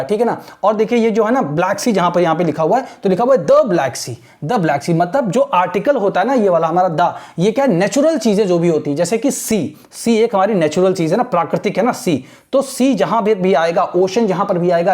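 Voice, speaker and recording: A woman with an Indian accent teaches English from a newspaper editorial. Her voice is mellow and warm. She reads each English sentence slowly and deliberately, then breaks it down, checking in again and again with "theek hai na". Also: mid-range voice. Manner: slow deliberate reading of English lines, explaining with a repeated "theek hai na". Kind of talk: editorial reading lesson.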